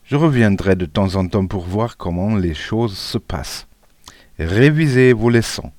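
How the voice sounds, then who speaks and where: A man's voice: fairly low pitch, expressive, measured pace, a little mellow, no room sound, studio quality. A man voicing a stern, suspicious school supervisor who gives commands.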